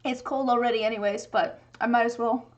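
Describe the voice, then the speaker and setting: A woman's voice: fairly high pitch, fairly even intonation, fairly quick. A woman chatting casually as she works through a craft livestream. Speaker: craft streamer. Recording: dull lo-fi stream audio.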